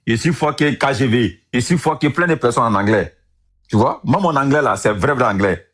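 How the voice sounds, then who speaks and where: Husky man joking in broken English. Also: mid-range voice, animated, normal speed, a bit bright. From Côte d'Ivoire. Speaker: guest on a live stream. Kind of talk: casual chat on a live call.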